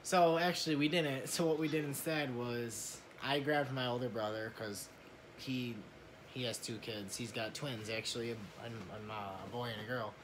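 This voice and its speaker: Talking to camera in a conversational way, a young family vlogger shares a personal story, frequently repeating his words. He has a medium-pitched voice with fairly even intonation and a normal pace, and the home recording is noisy.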